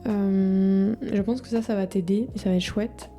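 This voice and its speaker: Music runs underneath this vlogger's voice as she talks to her future self in a relaxed, halting video diary. She's a woman in her 20s with a mellow mid-range voice, a steady tone and a moderate pace, captured by a microphone set before the camera.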